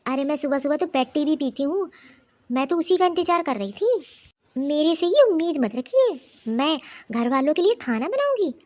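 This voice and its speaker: A woman's voice: high voice, animated, normal speed, darkish tone. A woman voicing a spoiled, lazy young daughter-in-law in a cartoon, with a haughty, demanding way of talking. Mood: scornful. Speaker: voice actor. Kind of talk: cartoon voice acting.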